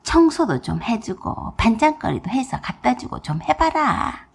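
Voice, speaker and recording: A woman's voice: a little high, very animated, a little slow, creaky, breathy edge, full character voice. A woman voicing a nagging, scornful older mother-in-law in a radio drama. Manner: scolding, contemptuous.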